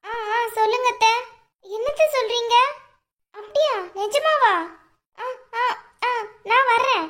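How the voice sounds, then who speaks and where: A gentle, tearful young wife in a cartoon, voiced by a woman, speaking softly and politely in a very high voice. She pleads rather than argues. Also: takes it slowly, long pauses, full character voice. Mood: pleading. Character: gentle, tearful young wife who puts others first. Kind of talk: cartoon voice acting.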